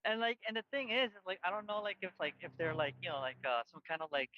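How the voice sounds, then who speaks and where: A man's voice: high voice, expressive, quick pace, lo-fi sound, a little hiss or hum. A man co-hosting a podcast in casual chat, rambling with lots of fillers and restarts while wearing headphones. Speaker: podcast co-host. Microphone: headphones on, outdoors by a busy street.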